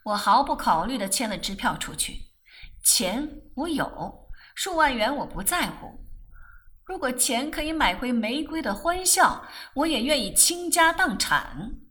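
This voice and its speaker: A woman narrating an audiobook novel in an expressive storytelling voice. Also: sits high, a little slow.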